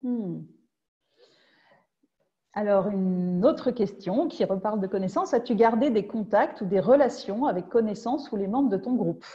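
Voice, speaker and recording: A woman moderator on a webinar, heard through a dull lo-fi call. She reads out the audience's questions to her guest with short acknowledgements. Her tone is mid-pitched and mellow. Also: lively intonation, measured pace.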